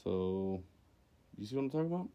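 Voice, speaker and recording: A young man from Louisiana co-hosting a podcast, telling stories in casual chat and jumping up in pitch for emphasis. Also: a little fast, clean tone. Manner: animated storytelling, jumps up in pitch for emphasis. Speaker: podcast co-host.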